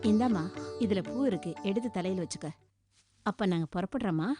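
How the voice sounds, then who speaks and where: A woman's voice: mid-range voice, brisk, over music, lightly acted. A woman playing a groom's approving mother. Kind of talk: TV serial acting.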